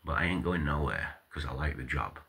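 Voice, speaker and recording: A middle-aged man, telling a story in a casual, animated monologue, acting out quoted dialogue and swearing now and then. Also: rumbling low, brisk, gravelly, husky. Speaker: vlogger.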